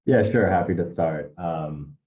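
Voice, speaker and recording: An English MBA panelist with a very deep voice talks a little slowly on a video call, his computer mic giving dull audio and a roomy echo. The panel is casual, and he hesitates, restarts and uses many fillers.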